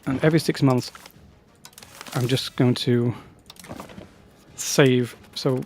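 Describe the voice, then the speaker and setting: A man talks his way through a strategy game in a mid-pitched, easygoing voice. He rambles, restarts sentences and wanders into chatty asides. Faint game music plays behind him. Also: fairly even intonation, takes it slowly, a little mellow. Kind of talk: casual gameplay commentary.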